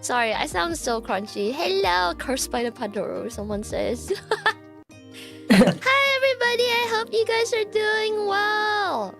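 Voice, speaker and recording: A woman's voice: very high-pitched, sing-song, unhurried, vocal fry, music in the background. A bubbly, giggly woman hosting a casual livestream chat, her voice coming through crunchy, bitcrushed-sounding mic audio. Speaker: stream host.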